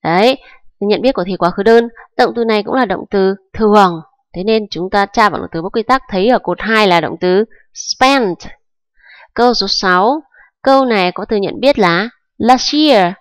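A woman's voice: mid-range voice, normal speed, dry recording. Woman teacher going through grammar rules step by step, patient, keeps checking you follow, dry close sound. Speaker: English teacher. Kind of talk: grammar lesson explanation.

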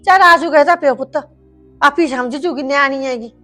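A sharp-tongued middle-aged mother-in-law scolds in a fairly high voice in a short film drama. She talks one way to her son and another to her daughter-in-law. Faint music sits under her lines. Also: fairly quick. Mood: pleading, plaintive.

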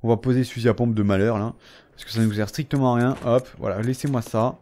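A man casually commentating his gameplay, talking straight at the characters, mocking and taunting enemies, dropping from low muttering to excited yelps. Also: fast talker, a little hiss or hum. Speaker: let's play gamer.

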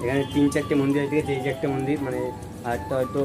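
A man's voice: little pitch movement, rapid-fire, music in the background. A young man giving casual, chatty vlog commentary while walking around a temple garden outdoors, filmed on a handheld phone. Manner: chatty, repeats filler phrases, lowers voice to near-hushed at times. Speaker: vlogger.

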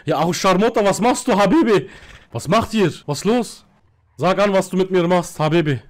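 Casting: a man voicing a cocky, foul-mouthed suspect in a game role-play, high-pitched, loud and taunting. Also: moderate pace, close to an everyday voice. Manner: loud, taunting, swears and insults constantly. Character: brash hot-headed young man, arrested suspect. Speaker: role-player.

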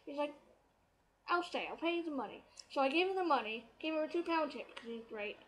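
A woman from England, telling a story to the camera in an excitable, chatty way. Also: sits high, a little fast, low-quality recording. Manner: excitable, chatty, quotes others as she retells. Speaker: vlogger.

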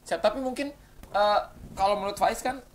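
A man's voice: high-pitched, normal speed, a little hiss or hum. A man hosting a casual interview chat, teasing and chatty, with many hesitant fillers. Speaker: host.

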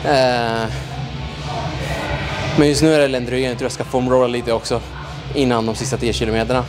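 A sore, exhausted young man chats haltingly in a big indoor gym, his words full of fillers. Music plays clearly behind him. He speaks at a middling pitch into a handheld mic. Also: flat delivery, poor audio. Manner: tired, halting, many fillers. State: sore and worn out. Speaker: vlogger. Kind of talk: casual vlog chat. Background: music playing.

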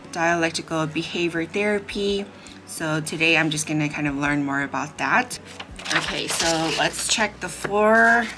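A woman talking casually in a home vlog, soft and unhurried as she reflects and reads aloud. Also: fairly low pitch. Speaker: vlogger. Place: home in Korea.

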